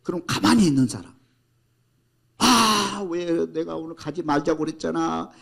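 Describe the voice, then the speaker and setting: A male pastor preaching a sermon with emphatic delivery, shouting out scripture commands and acting out grumbling people. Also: a little high, normal speed, creaky, slightly rough.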